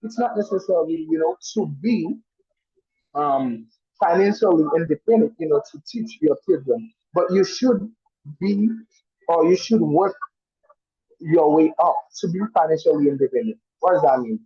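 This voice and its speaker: A mellow, slightly rough male voice, fairly high, with lively intonation at normal speed and no room sound. He is a Haitian Creole speaker in an online speaking class, answering casually with many "you know" fillers and restarts, heard through muffled call audio.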